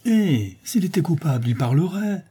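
A man's voice: mid-range voice, moderate pace, mellow, slightly rough, lightly acted. A man voicing a desperate middle-aged mother who pleads and protests to defend her accused son. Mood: anguished. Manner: pleading, indignant, breaking into cries.

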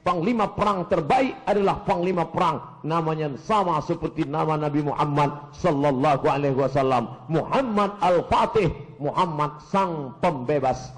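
A male preacher giving a sermon in an animated, joking way, full of rhetorical questions. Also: a little high, normal speed, rough recording.

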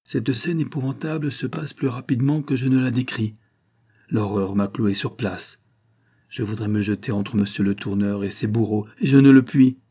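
A man's voice: medium pitch, steady tone, normal speed, warm tone, husky. A man narrating a novel in the first person, in a tense, dramatic audiobook reading.

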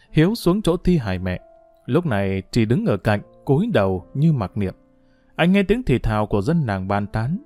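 A man's voice: mid-range voice, a little mellow, no echo. A man narrating a story as an audiobook, reading expressively.

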